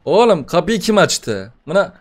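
Excitable, swearing young male gamer. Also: sits high, normal speed. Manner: excitable, swearing, banter with the game. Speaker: gaming YouTuber. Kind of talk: gaming commentary.

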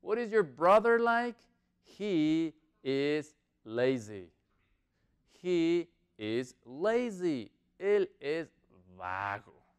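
A man teaching English to Spanish-speaking learners in an online lesson. He drills words and model sentences, saying them slowly and repeating them between quicker explanations. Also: fairly high pitch, big pitch swings, clear, resonant tone.

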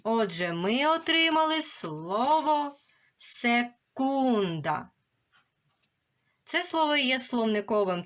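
Clear-voiced teacher woman sounding out words. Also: on the high side, a bit bright. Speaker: primary school teacher. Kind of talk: remote lesson for children.

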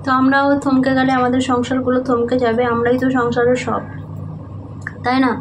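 Soft-spoken woman vlogging at home. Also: high-pitched, little pitch movement, fairly quick, background noise. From Medinipur, West Bengal, India. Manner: soft, hushed talk so a sleeping child stays asleep. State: sleepy and sweaty in the heat. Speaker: vlogger, housewife and mother. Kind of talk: casual home vlog narration. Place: small home indoors. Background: background music.

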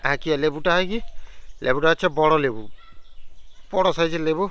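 A young man vlogging casually at home, sick with a cold and a sore throat, chatting with fillers and clearing his throat. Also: a little high, a little fast, fairly bright tone, no echo. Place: at home and outdoors in the yard. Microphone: handheld camera on a stand.

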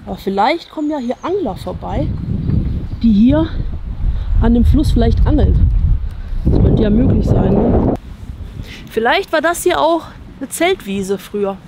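Fairly high-pitched and expressive, this German-accented woman in her thirties talks at a measured pace with long pauses. As an urban exploration vlogger walking an abandoned campsite, she gives casual commentary, musing aloud and inviting viewers to agree. The chest-worn action camera audio is very noisy.

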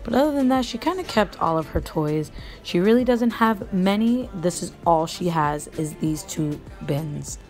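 A woman, a mother of four, narrating a home cleaning vlog in a relaxed, matter-of-fact voice-over. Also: on the low side, moderate pace. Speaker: vlogger, mother. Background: faint music.

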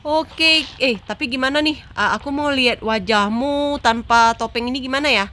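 Woman game host for a let's-play: high voice, bright tone, excitable and chatty, talks right to the audience. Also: normal speed. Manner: excitable, talks straight to viewers, laughs often. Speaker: gaming channel host. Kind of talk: casual let's-play commentary.

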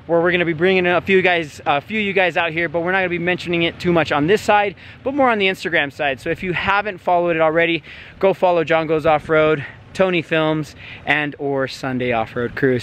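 A man's voice: sits high, a bit bright. A man vlogging casually on a mountain trail, a bit out of breath and rambling with fillers. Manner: laid-back, rambling with fillers. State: a little out of breath. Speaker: off-road vlogger. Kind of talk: casual outdoor vlog talk.

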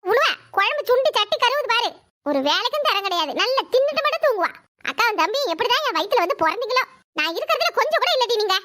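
A woman voicing a sharp-tongued cartoon mother-in-law. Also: extremely high pitch, big pitch swings, exaggerated voice. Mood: scolding. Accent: Kanyakumari Tamil. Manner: scolding, bantering, rapid chatter. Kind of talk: cartoon voice acting.

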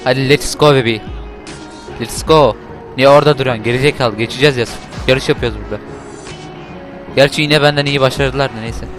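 Loud, swearing man narrating gameplay. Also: mid-range voice, fairly even intonation, fairly quick, long pauses. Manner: loud, swearing, shouts at the game. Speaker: gameplay commentator. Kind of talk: casual gameplay commentary. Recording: game music playing behind.

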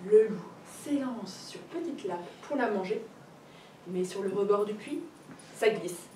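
A woman reading a picture book aloud to children in a library, playful and expressive with sound effects. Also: mid-range voice, unhurried, a little hiss or hum. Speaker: storyteller. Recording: roomy room recorded from a distance, faint ambience.

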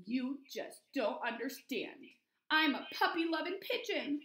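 A woman voicing a whiny, excitable male pigeon from a picture book who pleads and yells for what he wants. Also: sits high, a little slow. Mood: pleading. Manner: pleading, then yelling demands. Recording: roomy echo.

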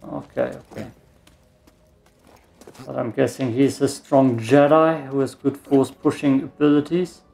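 Unhurried gravelly man streaming a game. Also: medium pitch, little pitch movement, mellow. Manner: muttering to himself, repeating phrases. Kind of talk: casual gameplay commentary.

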